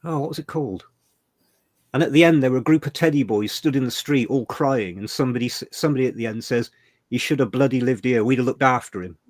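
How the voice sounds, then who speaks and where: An older Englishman co-hosting a livestream chats casually about old memories, emotional and mildly profane. He talks at a quick pace with a medium-pitched voice. The recording is clean studio sound with no room sound.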